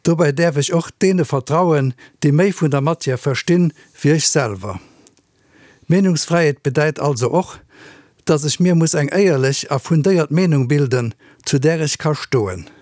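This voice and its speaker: A man, a biologist reading out a personal statement in an earnest, measured way. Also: on the high side, a little mellow, no echo, clean studio sound. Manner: earnest, measured, with non-native word order. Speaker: biologist giving an opinion.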